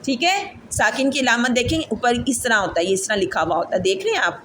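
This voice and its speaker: High-voiced woman teaching Quran letters. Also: sing-song, bright, forceful tone, a little hiss or hum. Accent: Pakistani Urdu. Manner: patient, drills letters slowly and asks the class to repeat. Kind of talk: teaching reading aloud with recitation drills.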